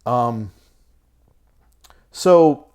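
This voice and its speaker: A man in his forties chats about his record collection in a slow, unhurried way. He hesitates often, circling back with ums and restarts. His voice is wearing thin, as if he is losing it. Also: mid-range voice, lively intonation, darkish tone, clean tone. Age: 40s. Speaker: vinyl collector vlogger. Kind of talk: casual talk to camera.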